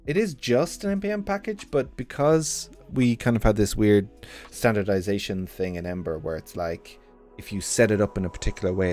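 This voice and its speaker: Here's a lowish, darkish male voice: an Irishman in his thirties with a gentle accent, bantering and wandering off-topic with his stream chat. He's using a good desk mic set up at his computer.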